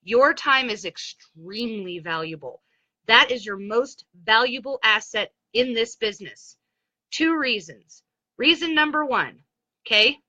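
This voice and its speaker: Blunt, bright-voiced woman giving a pep talk. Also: a little high, measured pace, dry recording, muffled recording. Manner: blunt, motivational, chatty with asides. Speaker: direct sales consultant. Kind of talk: Facebook Live pep talk. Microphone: phone.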